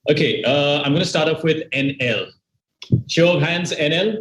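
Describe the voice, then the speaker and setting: A man co-hosting a virtual dating show over a video call, brisk and joking. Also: a little high, a bit bright. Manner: joking, brisk, quick-fire. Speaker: show host. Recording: echoey room with faint noise.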